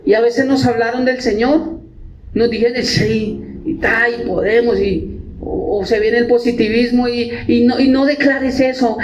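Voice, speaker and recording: A male pastor, preaching a sermon with animated delivery and acting out the voices of believers. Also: extremely high pitch, measured pace, slight background noise. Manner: animated, acts out quoted believers. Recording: echoey church with music, dull sound.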